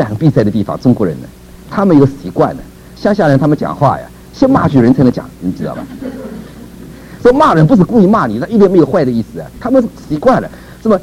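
A man's voice: fairly high pitch, a little mellow, a little hiss or hum, rough recording. A man preaching a sermon in a conversational way, asking rhetorical questions, chuckling and repeating words.

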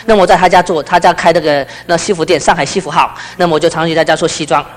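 A man preaching, telling a story that swings from loud emphasis to hushed, low passages. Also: fairly even intonation, rapid-fire. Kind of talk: testimony sermon. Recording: long hall reverb.

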